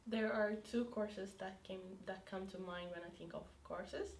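A young woman from Ethiopia, a master's student, answering interview questions in a measured, plain way. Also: medium pitch, vocal fry. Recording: roomy, from a distance, faint hiss.

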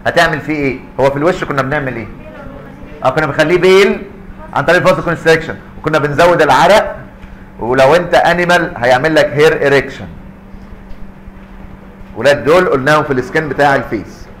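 A man with an Egyptian Arabic accent giving a lively physiology lecture to students, quizzing them and acting out little scenes. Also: fairly high pitch, fast talker, long pauses, a little hiss or hum, low-quality recording. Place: lecture hall.

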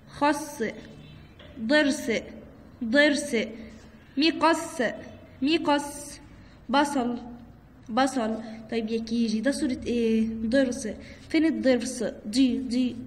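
Young Egyptian woman, kindergarten teacher, sing-song praise, reverberant room. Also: high voice. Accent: Egyptian Arabic. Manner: slow, sing-song coaching with frequent praise. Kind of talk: online lesson for young children. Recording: long reverb, faint background noise.

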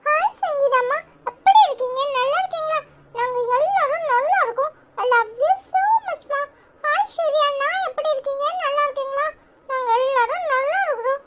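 A woman's voice: normal speed, very noisy. Woman as small cartoon boy: Tirunelveli accent, piping voice, chatty, cheeky, caring. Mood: coaxing. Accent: Tirunelveli Tamil. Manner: chirpy, high-pitched childish chatter.

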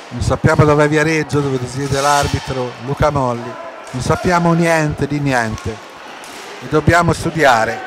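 An Italian man giving excitable live sports commentary, shouting and stretching players' names, recorded in a noisy sports hall. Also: on the high side. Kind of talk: live roller hockey match commentary. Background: crowd and rink noise.

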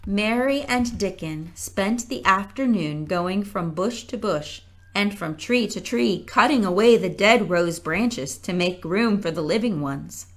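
A woman reading a children's book aloud at a library storytime, gentle and measured. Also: mid-range voice, animated. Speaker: storytime reader.

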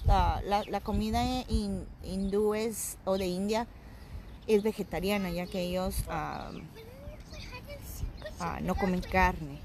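In a casual live stream from the windy seaside, a woman in her forties with a Mexican accent banters playfully with viewers through a phone held at arm's length. Her voice is medium-pitched, fairly even, and slow, with a crowd audible in the background.

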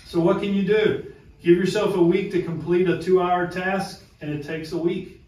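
Man, higher voice, emphatic lesson, repeats points, distant mic, very echoey room. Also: flat delivery, normal speed, darkish tone. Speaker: presenter. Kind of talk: faith-based self-help lesson. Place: room with a small live audience. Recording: echoey room from far off, faint noise.

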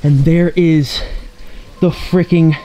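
A young man hosting an outdoor vlog in a forest, exclaiming excitedly in casual slang, recorded on a handheld camera mic. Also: on the high side, slow pace, a little hiss or hum. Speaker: vlogger host. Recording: background music under speech.

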